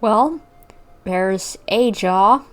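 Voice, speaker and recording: A woman's voice: medium pitch, extremely slow. A woman streaming a video game, making laid-back, giggly remarks over it. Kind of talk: let's play commentary.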